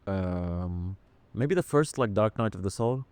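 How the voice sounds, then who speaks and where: A man from Syria, a podcast host who talks in an earnest, reflective way and often pauses to search for words. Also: low voice, expressive, darkish tone, smooth, no echo. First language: Arabic.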